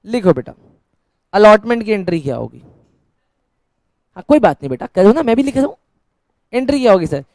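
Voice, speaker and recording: A man's voice: high voice, sing-song, a little fast, long pauses, darkish tone, no room sound. A man teaching an accounts lesson in a classroom style, asking questions and answering them himself as if he were the students, with teasing, scolding banter. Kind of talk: classroom-style Hindi lecture.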